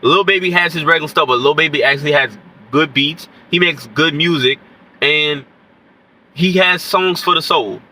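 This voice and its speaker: A slightly high, pushed and bright male voice, nasal from congestion, moves at normal speed in a low-quality recording. The speaker, an independent rapper with a stuffy nose and scratchy throat, rambles casually to camera about hip-hop, leaning on "you know what I'm saying."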